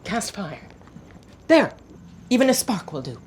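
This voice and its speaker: A woman's voice: medium pitch, sing-song, unhurried, slight background noise. A woman playing a stern, commanding old village mage woman in an audio drama.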